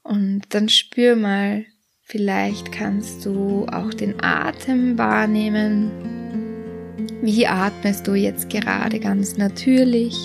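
A woman guides a meditation in a slow, unhurried voice with a gravelly, creaky edge. She leads through the body with soft questions while faint guitar plays underneath. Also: medium pitch, little pitch movement. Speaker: podcast host and guide.

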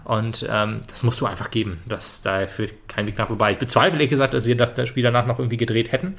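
A man's voice: medium pitch, fairly even intonation, quick pace, gravelly, fairly bright tone. A man co-hosting a casual football podcast, talking hesitantly with many fillers and restarts. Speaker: podcast co-host.

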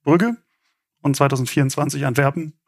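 Higher-pitched man hosting a casual quiz. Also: steady tone, a little fast, no echo, studio quality. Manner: informal game show host, chuckling and explanatory. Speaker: quiz show host. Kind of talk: casual game show hosting.

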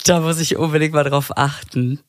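A podcast co-host chatting casually, mostly with short, relaxed replies. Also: medium pitch, normal speed, no echo, clean studio sound. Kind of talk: casual chat.

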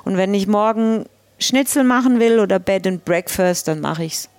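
A woman's voice: medium pitch, animated, moderate pace, a little mellow, no room sound. Frank, cheerful woman, dry close sound. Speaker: family business owner, guest. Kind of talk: casual interview.

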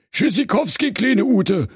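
A scruffy, jolly gang of male drinkers from a comic storybook, voiced by a man. The voice is lifted and lively, with a husky edge. They sound slurry and good-natured. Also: high voice, slow, no echo, studio quality, pitched above the performer's own voice, exaggerated voice. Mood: jovial. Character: boozy cheerful male street drinkers, scruffy.

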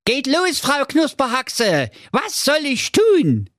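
A young prince who shrieks and whines in near-constant panic. The voice sits very high and swoops wildly from line to line in a dry comedy audio story. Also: male voice, huge pitch swings, takes it slowly, a bit bright, dry recording, exaggerated voice. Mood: whiny. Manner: shrill, frantic, whining.

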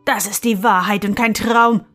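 A woman reading as a gruff, grumbling griffin. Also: medium pitch, fairly even intonation, moderate pace, faint music behind, close to an everyday voice. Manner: loud, grumbling, demanding. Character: gruff male griffin, golden-feathered, irritable.

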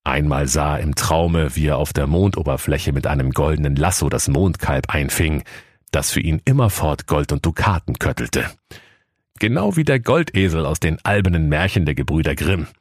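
A man tells a comic fairy tale with playful, mock-solemn relish. His voice is extremely deep. The recording is dry and close. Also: animated, normal speed, husky, dry recording. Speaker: narrator. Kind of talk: comic scripted narration.

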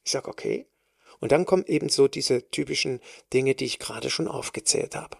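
A woman's voice: very deep voice, a little fast, creaky, no echo, clean studio sound. A woman hosting a solo podcast, speaking as a personal trainer in an emphatic way, stressing and repeating words.

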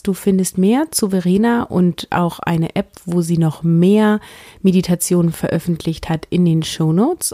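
A woman's voice: lowish voice, mellow, no echo, clean studio sound. A woman introducing a podcast as its host, speaking directly to the listener. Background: faint music.

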